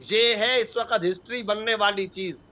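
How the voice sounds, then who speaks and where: A male religious scholar from Pakistan speaks fervently on a televised panel, stacking short emphatic phrases. His voice sits high and sounds bright and forceful, and the broadcast audio is dull and lo-fi. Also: steady tone, moderate pace. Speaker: mufti, religious scholar guest. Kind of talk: impassioned religious commentary on a TV talk show.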